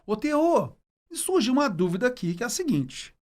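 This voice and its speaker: A man voicing a puzzled student who questions and quickly objects during a grammar lesson. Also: extremely high pitch, big pitch swings, darkish tone, pitched above the performer's own voice. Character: puzzled student raising a doubt.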